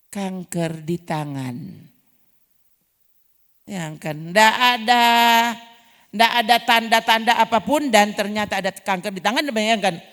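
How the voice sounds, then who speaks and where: Woman pastor, Manado Malay accent, animated sermon, asks the crowd questions, long hall reverb, mid pitch. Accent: North Sulawesi Manado Malay. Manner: animated preaching, rhetorical questions to the congregation. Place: large church hall.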